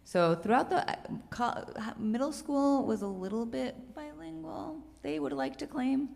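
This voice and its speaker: Gravelly-voiced woman on a panel. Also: sits high, measured pace, darkish tone. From Bolivia. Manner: loose, with fillers and restarts. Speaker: filmmaker panelist. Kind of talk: casual panel talk. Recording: long hall reverb.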